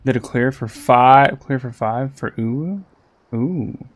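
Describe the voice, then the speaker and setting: A man's voice: mid-range voice, takes it slowly, no echo. A man streaming a game, chatting casually with viewers and restarting his sentences a lot. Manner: rambling, with frequent restarts and repeated words. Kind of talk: casual livestream gaming chat.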